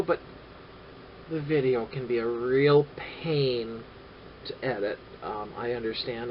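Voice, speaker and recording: A man vlogging casually about his camera gear, rambling and halting with many filler sounds and dry sarcastic asides. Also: fairly high pitch. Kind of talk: casual gear-review vlog. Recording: dull lo-fi audio with faint noise.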